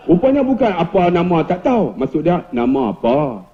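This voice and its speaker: Animated Malaysian Malay preacher, lo-fi. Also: male voice, high voice, moderate pace, vocal fry. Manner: animated storytelling, loud and forceful. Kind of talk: humorous religious lecture.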